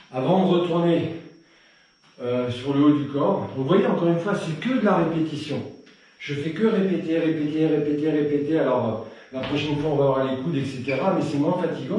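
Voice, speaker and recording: A man teaching a live self-defense class, counting out strikes loudly and pushing the pace, then explaining techniques in a relaxed way. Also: a little high, moderate pace, heavy reverb, recorded from a distance, rough recording. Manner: relaxed explaining between drills. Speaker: Krav Maga instructor.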